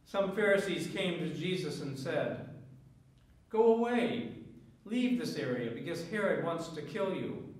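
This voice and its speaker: A priest reading the gospel and preaching a homily in a slow, measured way, his voice carrying a cathedral echo. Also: fairly high pitch. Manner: slow, measured liturgical delivery. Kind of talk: proclaiming the gospel and giving a homily at Mass. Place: large church. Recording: echoey church from far off.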